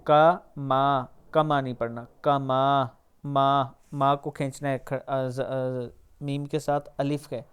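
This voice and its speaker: A man with a Pakistani Urdu accent teaching the pronunciation of a prayer, drawing each word out slowly, then explaining quickly. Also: mid-range voice, flat delivery, clear, resonant tone. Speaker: Quran recitation teacher. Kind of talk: pronunciation lesson.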